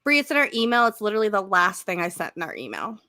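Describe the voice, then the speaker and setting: A woman's voice: mid-range voice, very animated, quick pace, sharp tone, no room sound. Dry, close-miked casual woman co-host. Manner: fumbling with tech, apologetic, swears casually. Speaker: podcast co-host. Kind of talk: casual chat.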